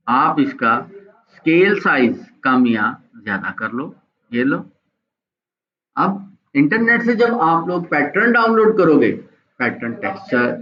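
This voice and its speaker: A man teaching a live online graphics software class, chatty and encouraging, often checking in with his students. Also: medium pitch, muffled recording.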